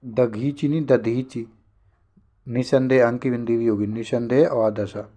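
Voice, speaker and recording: A man teaching a spelling lesson for an exam, briskly repeating each word to correct it. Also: medium pitch, dark tone.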